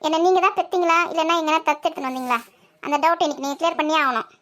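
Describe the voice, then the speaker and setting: A woman's voice: sits high, very fast, a bit bright. A woman voicing a sulky, playful college-age daughter who whines and pleads in a comic family skit. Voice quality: whiny and pleading.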